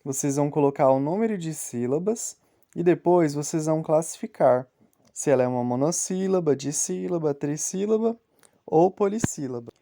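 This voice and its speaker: A young man teaching children a grammar lesson, explaining slowly and step by step. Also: a little high, expressive, gravelly, dark tone.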